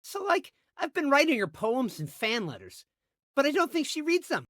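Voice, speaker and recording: Eager, bumbling young bodyguard, game character, wildly animated and unhurried, dry recording. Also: male voice, very high-pitched, no room sound, heavily acted. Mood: awkward, chatty. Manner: excitable, awkward, hammy.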